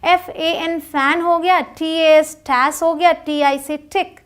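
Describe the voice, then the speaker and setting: A woman teaching English pronunciation in Hindi, spelling out letters and then saying each word slowly and clearly. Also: very high voice, steady tone. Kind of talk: phonics lesson.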